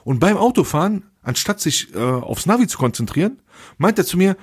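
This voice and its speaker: A man's voice: high voice, brisk, breathy edge, no echo, studio quality. A man co-hosting a casual podcast, telling an anecdote in slangy speech and acting out the voices of the people in it. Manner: slangy, animated storyteller acting out dialogue. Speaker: podcast co-host. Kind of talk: casual chat, anecdote storytelling.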